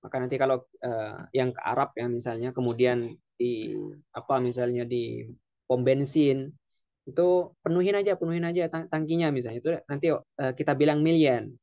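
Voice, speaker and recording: A man teaching an Arabic vocabulary lesson, explaining slowly and repeating words with frequent fillers. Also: mid-range voice, warm tone, no echo, lo-fi sound. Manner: slow, repetitive explaining with frequent "ya". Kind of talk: classroom lesson.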